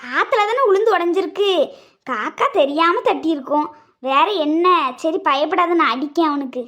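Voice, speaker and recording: A woman voicing a calm sister-in-law who reassures her family in a matter-of-fact way in a cartoon. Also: very high-pitched, normal speed. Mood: reassuring. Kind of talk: cartoon voice acting.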